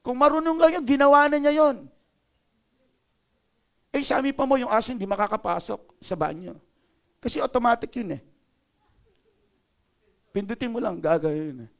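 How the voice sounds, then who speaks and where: A man's voice: extremely high pitch, normal speed, creaky, pauses often, fairly bright tone. A male pastor preaching a sermon in a playful way, joking with the congregation. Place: church service.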